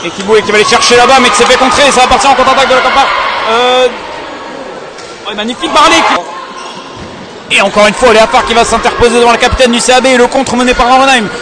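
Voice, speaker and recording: A man delivering excited play-by-play handball commentary in long running phrases, in a loud gym full of crowd din. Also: extremely high pitch, fast talker, long pauses, very noisy.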